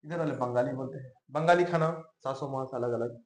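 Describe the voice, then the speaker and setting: A man's voice: mid-range voice, a little fast. A man teaching a class in a conversational lecture style, often asking the students rhetorical questions. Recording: echoey room.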